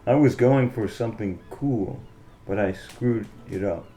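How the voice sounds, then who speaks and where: A man streams a game in a casual, playful way. His fairly low voice takes its time, slipping between dramatic read-outs and offhand asides. Faint game music runs underneath. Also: measured pace, warm tone. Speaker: gaming streamer. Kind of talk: casual let's-play, reading game text aloud in character.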